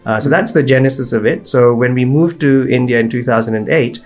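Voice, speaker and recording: A man's voice: medium pitch, a little fast, soft background music. Fluent man in his forties from Kenya. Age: 40s. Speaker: guest, recruitment firm partner. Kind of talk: interview.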